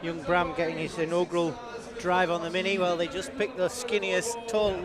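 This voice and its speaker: High-pitched man, tractor pull announcer over crowd. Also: level tone, normal speed. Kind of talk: live event commentary, chatty co-hosting. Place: outdoor motorsport arena. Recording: loud crowd, outdoor event noise.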